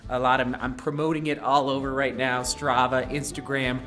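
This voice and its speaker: A man's voice: mid-range voice, flat delivery, normal speed, pushed and bright. A man in his thirties vlogging casually to a handheld camera while walking through a hotel, upbeat and chatty. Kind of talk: casual vlog talk to camera. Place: hotel rooms and hallways, indoors. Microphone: handheld camera at arm's length.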